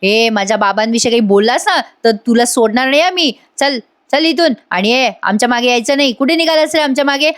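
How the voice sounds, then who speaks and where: A woman's voice: a little high, expressive, fairly quick, hardly any pauses, natural voice. A woman voicing an angry young man who orders others around. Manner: angry, commanding. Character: hot-tempered young man Mahesh.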